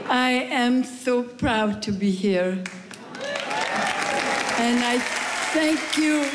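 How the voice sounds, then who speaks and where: Older woman, 80s, from Morocco, live stage storyteller, unhurried, long theater reverb. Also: on the high side. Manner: slow, deliberate telling with lively rises and falls.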